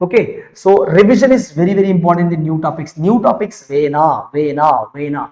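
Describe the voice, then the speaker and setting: A man's voice: on the high side, expressive, racing, a little mellow. A man with a South Indian accent teaching students in an emphatic, repetitive way, often putting questions straight to them as an exam coach. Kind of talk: live motivational lesson to students.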